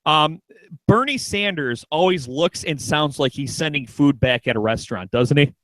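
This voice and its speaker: Joking radio host guy, keeps restarting sentences, slightly high voice. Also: expressive, normal speed, fairly bright tone, no echo, poor audio. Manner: joking, lots of restarts and stammers. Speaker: radio talk show host. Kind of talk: casual chat.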